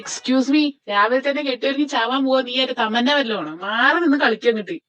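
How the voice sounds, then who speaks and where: A sarcastic young man on a bike, voiced by a woman, in a highish voice. He snaps and mocks in a fan-made audio story. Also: fast, a bit bright, dull audio, faint music behind. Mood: mocking. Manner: mocking, snappy.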